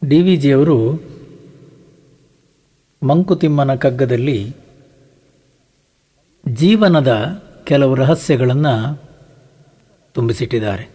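A man giving a spiritual discourse, now and then chanting verses and gently addressing the listener. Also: mid-range voice, lively intonation, slow, pauses often, breathy edge. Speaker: spiritual teacher. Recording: long hall reverb.

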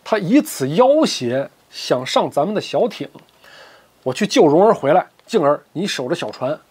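A gruff old beggar who is a kung fu master, bold and scornful, with a mocking edge to his lines, as a male storyteller puts him on. His voice swings widely in pitch and sits fairly high. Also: very animated, moderate pace, a little mellow. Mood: urgent.

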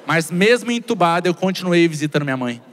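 A man in his thirties with a Brazilian Portuguese accent, doing animated stand-up storytelling and talking straight to the audience. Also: high-pitched, fast, a little hiss or hum. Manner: animated storytelling, repeated "gente" asides to the audience. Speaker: stand-up comedian. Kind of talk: stand-up comedy. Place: stage at a live comedy show. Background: faint audience.

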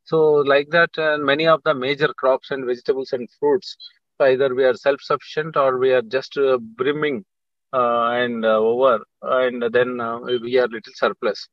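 A middle-aged man with an Indian accent, speaking as a panelist on a video call, halting with many fillers and restarts. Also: mid-range voice, fairly bright tone, no room sound. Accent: Indian English. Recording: dull, dry video call audio.

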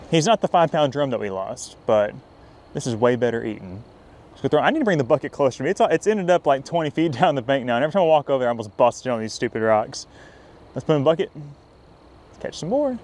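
A young man narrating his night fishing trip by a riverbank in a casual vlog style. He gets excitable, whooping and hollering whenever a fish bites. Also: mid-range voice, quick pace. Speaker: fishing vlogger. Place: riverbank near a dam at night, outdoors.

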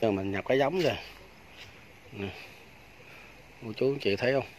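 A man vlogs a walking tour of a rural farm beside fish ponds, filming outdoors on his phone and chatting casually with viewers, whom he keeps calling aunts, uncles and friends. His voice sits in the mid-range and moves at a normal speed, with slight background noise.

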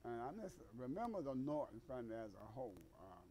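A man in a church congregation sharing prayer requests in a halting, plain way. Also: mid-range voice, very animated, warm tone. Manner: halting, with many fillers. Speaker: church member. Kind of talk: casual spoken prayer request.

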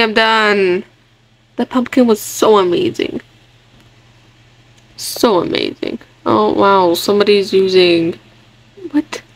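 A woman giving casual, excitable commentary on a game she is playing, chatty and often restarting her words. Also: medium pitch, poor audio. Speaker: gaming video creator.

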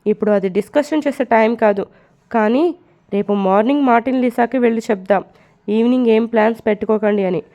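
A woman's voice: a little high, fast, mellow, close to an everyday voice. A woman voicing Nikhil, a hot-tempered young man who runs a hotel and talks in a brooding, commanding way, in a storybook reading.

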